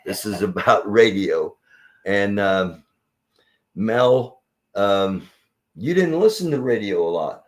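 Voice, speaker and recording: An older man in his sixties from Indiana with a low voice, chatting on a casual show. He rambles in a folksy way, circling back with restarts and easy laughs. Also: expressive, takes it slowly, long pauses. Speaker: podcast host. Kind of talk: casual reminiscing chat.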